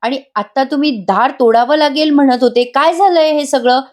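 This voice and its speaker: A woman reading out the lines of a bold young woman, brisk and insistent. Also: high voice, darkish tone, pitched above the performer's own voice, lightly acted.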